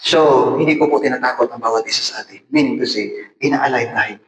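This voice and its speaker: A man preaching an evangelistic revival sermon, emphatic and animated, appealing directly to his listeners. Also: mid-range voice, fast talker. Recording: echoey hall with faint ambient noise.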